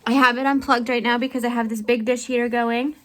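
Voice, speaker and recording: She talks fast in a slightly high, a bit bright voice with little pitch movement, and there's a little hiss or hum. A homesteader vlogger, she chats to her camera while doing chores in the extreme cold, outdoors and in a farm's chicken coop, laughing and sighing.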